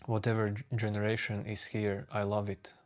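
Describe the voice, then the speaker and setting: Calm flat-voiced man with a Latvian accent. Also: on the low side. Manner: slow, calm, reading out chat names. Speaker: livestream host. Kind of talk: casual chat with live chat readers.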